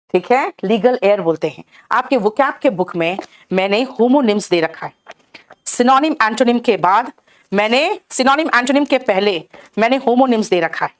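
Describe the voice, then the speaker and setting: A middle-aged woman with an Indian English accent teaches an exam-prep English lesson, her pitch set a little high. Her voice rises and falls a great deal as she explains. She calls her students "beta" and keeps checking that they follow. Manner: addresses students as "beta", keeps asking "clear?" and "theek hai?".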